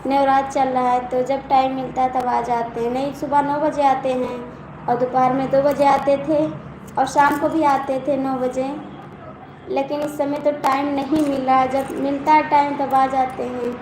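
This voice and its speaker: A folk singer with an Awadhi accent hosts a casual live stream, chatting with viewers, teasing them and reading out their comments. Her voice is high-pitched and level, at normal speed. The room echoes, with faint background noise.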